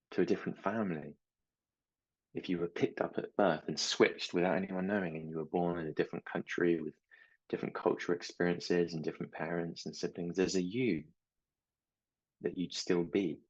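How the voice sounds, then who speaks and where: Low husky-voiced male coach. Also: fairly even intonation, muffled recording. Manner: slow, gentle and reflective, with anecdotes about his children. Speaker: mindset coach. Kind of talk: reflective talk to camera.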